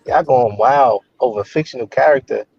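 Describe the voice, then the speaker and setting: A man's voice: mid-range voice, a little fast, vocal fry, crowd noise. A man co-hosting a casual talk show, chatting conversationally and restarting his sentences often. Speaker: podcast co-host. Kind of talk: casual chat. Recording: dull, slightly lo-fi sound.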